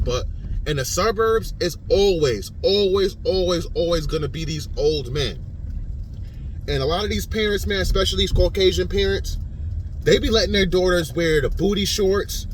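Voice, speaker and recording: A man's voice: on the high side, a little hiss or hum. A man in his thirties talking casually straight to his viewers in a vlog, repeating himself and calling them "man". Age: 30s. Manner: informal, repetitive, addresses viewers as "man". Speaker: vlogger.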